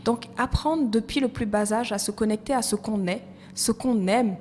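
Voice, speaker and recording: A woman's voice: fairly high pitch, normal speed, darkish tone. Reflective woman in a reverberant room. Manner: reflective, repeats phrases while searching for words. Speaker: podcast guest, HR professional. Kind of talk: conversational interview. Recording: reverberant room with faint noise.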